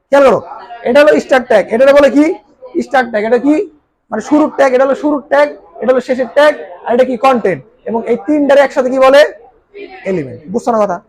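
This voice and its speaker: A male teacher, giving a recorded class lecture and answering his own questions. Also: very high-pitched. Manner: quizzing questions he answers himself.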